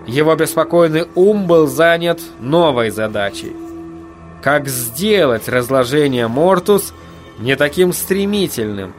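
A man reading a dark fantasy story aloud as an audiobook narrator, in a measured, even way. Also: a little high. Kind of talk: scripted narration. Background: faint music.

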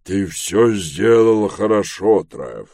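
A composed, approving elder man from a storybook, read by a male narrator. The delivery is deep and slow, measured in every phrase. The sound is close and dry. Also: animated, warm tone, no room sound, exaggerated voice. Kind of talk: audiobook dialogue reading.

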